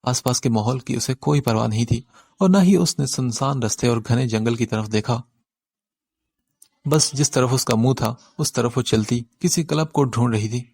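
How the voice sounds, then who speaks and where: A man reading a romance novel aloud as an audiobook narrator, in a steady storytelling manner. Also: medium pitch, creaky, no room sound.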